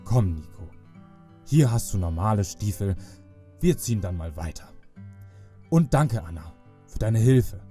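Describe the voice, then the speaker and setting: A man's voice: fairly low pitch, expressive, measured pace, pauses often, warm tone, soft background music. A man playing a jolly, kindly old Santa Claus in a children's Christmas audio play, speaking in a benevolent, fatherly way. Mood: gently solemn.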